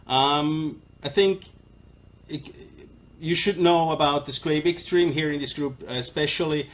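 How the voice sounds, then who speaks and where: A man with a broad Swiss German accent giving an informal live product presentation, speaking in a halting, hesitant way. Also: fairly high pitch, a bit bright. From Switzerland. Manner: halting and hesitant, apologetic non-native English speaker. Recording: live stream with clear background noise.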